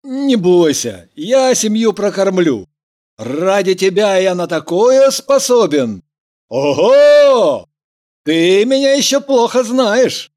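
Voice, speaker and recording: Woman voicing a slow, terse, jealous young man; gruff short replies. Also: mid-range voice, big pitch swings, darkish tone. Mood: earnest.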